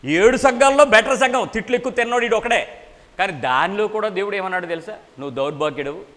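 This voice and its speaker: A man's voice: sits high, fast talker, fairly bright tone. A man preaching a sermon with emphasis, firing repeated questions at the congregation. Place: church meeting hall. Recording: long hall reverb.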